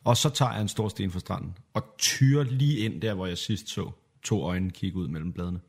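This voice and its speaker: A man's voice: deep voice, creaky. A man co-hosting a podcast, playing through an improvised adventure with playful, eager reactions. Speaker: podcast host, player.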